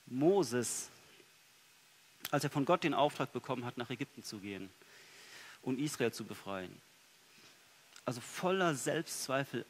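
A man preaching a sermon in a church, earnest, moving between soft, quiet passages and emphatic ones. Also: medium pitch. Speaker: pastor.

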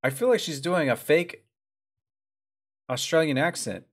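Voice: medium pitch, expressive, a little slow, husky. A streamer giving casual, wry commentary while playing a game. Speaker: let's play streamer.

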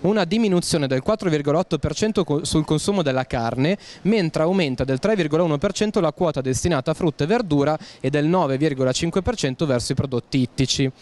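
A man's voice: a little high, fast talker, hardly any pauses, a little mellow. A young man presenting and asking questions in a street interview, speaking outdoors into a handheld mic with an upbeat manner. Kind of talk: street vox pop interview.

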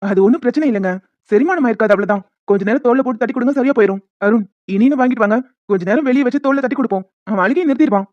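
A woman voicing the husbands, brothers and a doctor in an animated family story, with brisk, reassuring delivery. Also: fairly high pitch, no room sound, close to an everyday voice. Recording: dry, dull lo-fi home mic.

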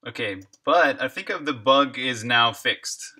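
A man's voice: medium pitch, expressive, unhurried, pushed and bright. A man live-streaming while he codes a game, chatting casually, reading viewer comments aloud and laughing often.

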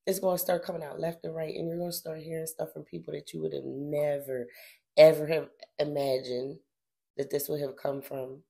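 A woman's voice: level tone, normal speed, vocal fry, husky. A middle-aged woman hosting a casual spiritual commentary, dramatic and slangy, dropping to whispers and rising to emphatic outbursts. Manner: dramatic, swings between low whispers and emphatic loud outbursts; casual slangy delivery with repeated phrases. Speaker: spiritual channeler and host.

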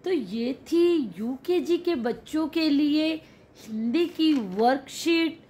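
A woman teacher walking through a children's worksheet, spelling out syllables slowly and drawing out each sound. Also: sits high, mellow. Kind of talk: worksheet walkthrough lesson.

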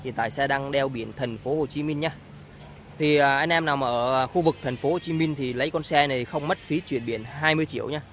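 A man giving an informal, halting sales walkaround of a used car, often repeating himself. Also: mid-range voice, fairly bright tone. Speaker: used-car seller presenting a car. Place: outdoors on a street beside a car. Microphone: handheld camera, speaker behind it. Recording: outdoor ambient noise.

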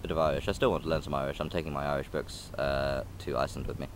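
This young adult talks fast in a very deep, flat voice while vlogging in a park next to a railway line, and the background is noisy. The phone or camera is held close. His casual rambling is hesitant, full of ums and restarts.

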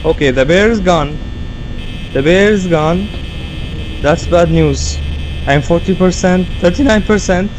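A man's voice: high voice, slow, long pauses, background noise. A man doing scared, jittery horror game commentary, repeating short phrases to himself and swearing often. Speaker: game streamer.

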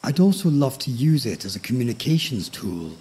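Breathy, husky male sleep podcast host. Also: mid-range voice, very animated, warm tone. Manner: soothing, unhurried, polite. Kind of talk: calm bedtime podcast introduction.

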